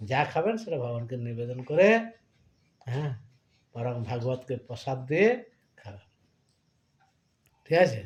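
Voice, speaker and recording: A hoarse man teaching a devotional scripture class, who often checks that his listeners have understood and leads them in chanting. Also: medium pitch, darkish tone. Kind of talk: devotional class talk and call-and-response chanting.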